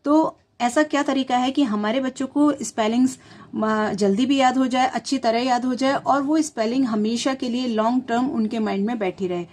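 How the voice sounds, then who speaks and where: Woman, tutorial host, patient, explanatory, spells letter by letter, slightly high voice. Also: moderate pace, darkish tone. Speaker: channel host teaching parents.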